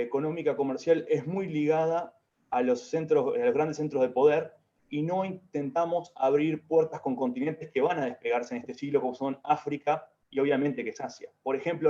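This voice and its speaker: A young man with a Uruguayan Spanish accent, speaking as a party activist on an online panel in a measured way, with pauses and fillers. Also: a little high, dark tone. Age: young adult. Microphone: video call. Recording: muffled lo-fi call audio.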